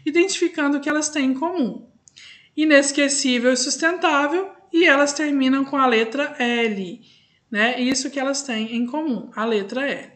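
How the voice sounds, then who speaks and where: A woman teacher with a Brazilian Portuguese accent and a high, light voice, talking through a lesson. She is patient and methodical, slowing down to stretch out each word she highlights. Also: fairly bright tone. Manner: patient, explains step by step, stretches out words when spelling them. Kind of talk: recorded classroom lesson.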